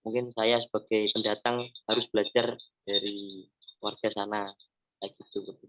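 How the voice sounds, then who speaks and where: A man's voice: fairly low pitch, flat delivery, a little slow, pushed and bright, highs cut off. A man from Java moderating a webinar, speaking in a hesitant, trailing way. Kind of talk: casual moderation. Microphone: video call.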